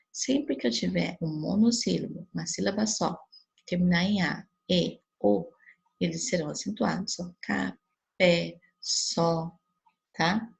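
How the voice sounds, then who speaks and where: A Brazilian woman teacher talks through a grammar review in a patient, steady way, often pausing to check that the class follows. Her voice is very gravelly and rough. It is also strongly husky, with a breathy edge. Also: fairly low pitch. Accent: Brazilian Portuguese. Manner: patient explaining with frequent checks like "né?" and "tá?". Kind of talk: recorded grammar review lesson.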